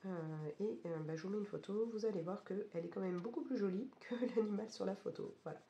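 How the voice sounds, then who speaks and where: A woman chats casually for a colouring vlog in a hoarse, broken, gravelly voice. Her tone is soft-edged and mellow rather than bright. She is recorded in an echoey room. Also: medium pitch, fairly quick. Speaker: craft vlogger. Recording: roomy echo, faint background noise.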